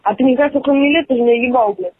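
Fast-talking foul-mouthed young woman. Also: sits high, breathy edge, no echo. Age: late teens. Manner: aggressive, swears nonstop. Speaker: prank call target. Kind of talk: angry phone conversation. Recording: tinny dry phone line.

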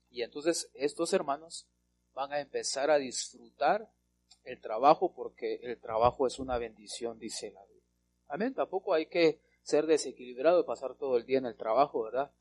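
A man preaching a Bible teaching sermon, speaking emphatically, stretching key words slowly, often asking rhetorical questions and calling his listeners brother. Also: mid-range voice, darkish tone.

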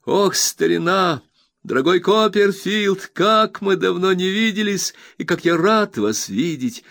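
A man voicing an excitable, overjoyed young man who gushes in high, breathless exclamations. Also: a little slow, creaky, exaggerated voice.

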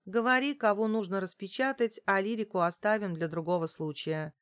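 Brief: woman reads a blunt, grudging young clerk, audiobook, mid-pitched, dry. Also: fairly quick, no room sound, lightly acted. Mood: sour. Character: sour young woman at a phone exchange.

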